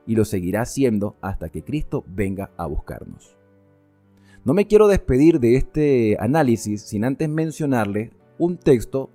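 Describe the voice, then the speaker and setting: A man expounds scripture with a warm, mellow voice and a lively, swinging delivery, rising to fervent appeals and dropping to quiet emphasis. Faint music plays softly underneath his teaching. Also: medium pitch. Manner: animated, shifts between fervent exhortation and quiet emphasis. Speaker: Bible teacher. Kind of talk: Bible study explanation.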